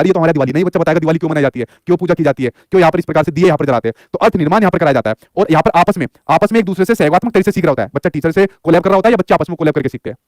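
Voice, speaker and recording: A man's voice: fairly high pitch, no echo, clean studio sound. A man teaching an exam-prep lesson, asking questions and answering them himself. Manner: rapid, repeats his own questions back to the viewer.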